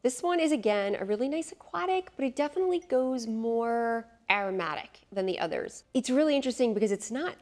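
With faint music behind her, a middle-aged perfume reviewer chats enthusiastically to camera in a studio set against a beach backdrop, thinking out loud with fillers and asides. Her fairly high voice has lively intonation, and she talks fairly quickly with hardly any pauses, captured on a lapel mic.

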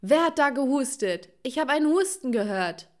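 This is a paranoid middle-aged cartoon mother, shrill and shouting in a frantic, raised voice, acted by a woman. She sits high in pitch and pushes every line loud. The tone is that of an animated story dub. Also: a little fast, natural voice.

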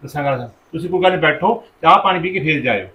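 A man's voice: fairly high pitch, fast, pushed and bright, rough recording. An actor playing a middle-aged father-in-law who keeps apologizing and pleading to make peace, in a village family drama. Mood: apologetic. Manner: pleading, apologetic, repeats himself.

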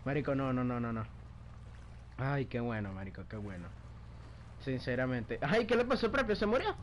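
A gaming video creator with a Venezuelan Spanish accent gives casual gameplay commentary alongside a friend, laughing often and swearing casually. His mid-range voice is sing-song at a normal speed, with a little hiss or hum in the recording.

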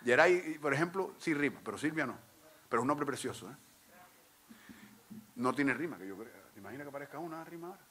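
A man's voice: mid-range voice, expressive, fast, pauses often, a bit bright. A middle-aged man, explaining improvised verse to an audience in a chatty, joking way, step by step. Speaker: workshop teacher of improvised verse. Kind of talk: lively talk to a live audience.

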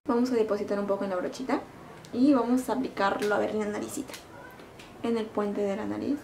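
A middle-aged woman vlogger demonstrating makeup in a casual, excited, gushing way, full of fond little diminutives. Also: mid-range voice, quick pace, gravelly, a little hiss or hum. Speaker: beauty vlogger. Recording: echoey room.

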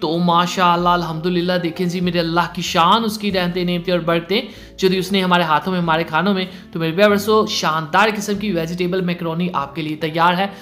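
A man's voice: high voice, fairly even intonation, fast, fairly bright tone, faint music behind. Man teaching a recipe, insistent tone. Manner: instructive, repeats warnings, pious greetings. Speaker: cooking channel host. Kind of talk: recipe tutorial voice-over.

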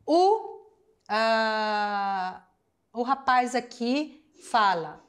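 A woman's voice: fairly high pitch, animated, extremely slow, smooth. A woman teaching a recorded class, explaining step by step, repeating the answers and speaking straight to her students. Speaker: Spanish teacher.

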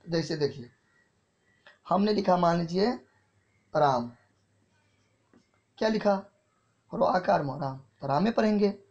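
Gravelly-voiced Hindi English teacher dictating notes. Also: male voice, high-pitched, expressive, a little mellow. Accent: Indian English. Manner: repeats key phrases slowly as if dictating, asks "clear?" often. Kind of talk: classroom lecture in Hindi. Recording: dull lo-fi sound.

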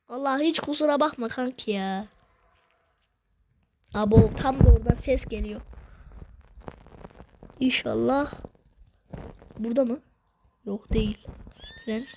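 A woman giving excitable, slangy gameplay commentary, swearing now and then. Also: on the high side, noisy background. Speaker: gaming video host.

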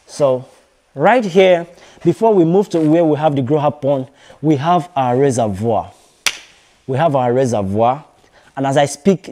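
A young man from Nigeria giving a walking video tour of a fish farm, talking haltingly with many fillers and repeated phrases. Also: a little high, mellow. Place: large concrete fish farm buildings, partly open-air. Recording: long reverb in bare concrete halls.

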